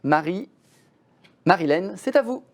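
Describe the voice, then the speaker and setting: Man hosting a webinar, lively delivery. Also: high-pitched, measured pace. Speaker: conference series host. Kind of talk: scripted webinar introduction.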